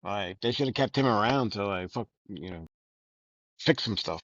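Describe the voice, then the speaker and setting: A man's voice: on the low side, lively intonation, moderate pace, fairly bright tone, dry recording. A man co-hosting a podcast, talking loosely about a book, rambling, joking and swearing a lot. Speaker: podcast co-host. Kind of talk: casual book discussion. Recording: dull lo-fi recording.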